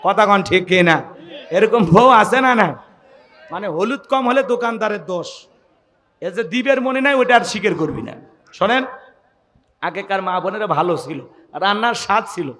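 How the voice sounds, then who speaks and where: Bright high-voiced preacher, echoing. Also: male voice, animated, normal speed, long pauses. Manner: rousing, calls out for audience responses, joking asides. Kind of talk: sermon at an evening religious gathering.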